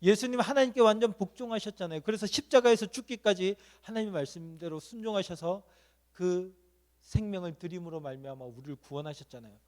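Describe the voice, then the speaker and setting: A man's voice: sits high, brisk, darkish tone. A man preaching at a middle school church service. He asks the students questions and answers them himself, and he acts out an inner voice speaking to them. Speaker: youth pastor.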